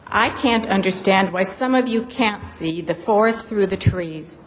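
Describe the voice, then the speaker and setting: A middle-aged woman gives a prepared statement at a public meeting. She sounds earnest and formal, with an average-pitched voice and a little noise behind her. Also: a little slow, poor audio. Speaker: zoo employee speaking at council meeting. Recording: faint background noise.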